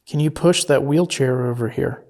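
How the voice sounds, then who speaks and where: Speaking at normal speed in a mid-range voice, someone investigating the paranormal at night calmly questions and gently coaxes an unseen presence.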